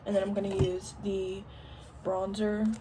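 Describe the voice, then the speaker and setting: A chatty young woman with a Southern US country twang answers questions casually while doing her makeup at home. Her medium-pitched voice is completely flat and a little slow, full of ums and likes, and the vlog recording is very noisy.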